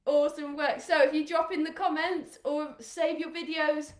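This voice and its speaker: A woman's voice: high-pitched, steady tone, normal speed. Upbeat woman coaching kids, echoey room. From England. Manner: upbeat, encouraging, counts down aloud. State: out of breath at times. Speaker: children's rugby coach. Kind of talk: live online kids' exercise session.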